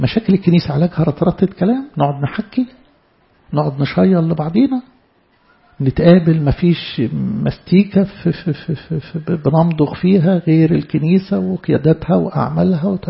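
A man's voice: fairly high pitch, creaky, highs cut off. A man with an Egyptian accent preaching a sermon to church servants, emphatic, often repeating and stumbling over words. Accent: Egyptian Arabic.

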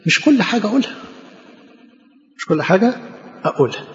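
A man's voice: high voice, big pitch swings, fast talker. A man with an Egyptian accent voicing the biblical Joseph as a mild, sheepish young man, in an echoey church hall with dull, lo-fi sound. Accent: Egyptian Arabic.

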